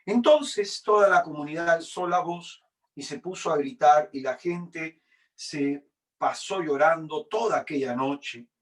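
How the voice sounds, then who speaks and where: Slow, dramatic male Bible reader. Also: on the high side, recorded from a distance. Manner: deliberate dramatic reading with swings in loudness. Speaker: preacher. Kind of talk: Bible reading in a sermon.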